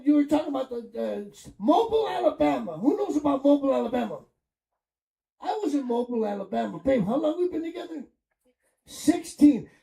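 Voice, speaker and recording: A man's voice: very high voice, creaky, warm tone. A middle-aged man from Chicago doing crude, rambling stand-up comedy with crowd work on a club stage. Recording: echoey club room, mic at a distance.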